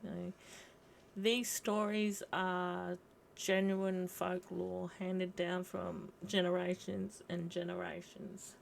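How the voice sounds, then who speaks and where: A woman hosting a casual livestream, rambling reflectively in short phrases with frequent pauses. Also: fairly low pitch, flat delivery, creaky, slight background noise. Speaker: host of a live video commenting on folklore.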